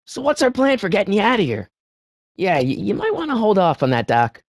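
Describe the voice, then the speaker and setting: Voicing an excitable adventure game hero, a teenage boy delivers a brisk, exaggerated animated performance in a high voice. His lively pitch swoops about with small stammers, and he sounds incredulous and questioning while still coming across as good-hearted. It's recorded dry, without echo.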